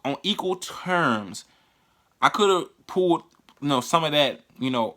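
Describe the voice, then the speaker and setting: This vlogger has a medium-pitched, fairly bright voice as he casually recounts a personal story. He swears a lot and keeps stumbling and restarting, so his delivery comes out halting.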